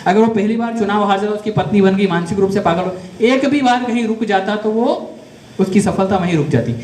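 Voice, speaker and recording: Male teacher with a Malwa Rajasthani accent, high voice, echoey classroom, drills and corrects pupils. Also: darkish tone. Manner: quizzes students, repeats words to correct them. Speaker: career guidance teacher. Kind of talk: classroom lecture. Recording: echoey room with faint noise.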